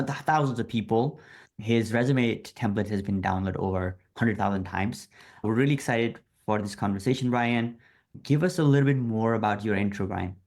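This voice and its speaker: A man's voice: on the low side, darkish tone. A man hosting a podcast, introducing his guest eagerly with some stumbles. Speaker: podcast host. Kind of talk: podcast interview.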